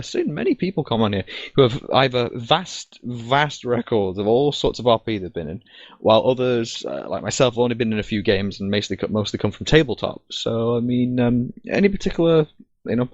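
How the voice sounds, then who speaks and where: A man's voice: medium pitch, expressive, fairly quick, no echo. A man in his twenties hosting a podcast, asking questions hesitantly, restarting and laughing easily. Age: 20s. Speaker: host. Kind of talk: casual podcast interview. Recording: dry, dull lo-fi voice chat audio.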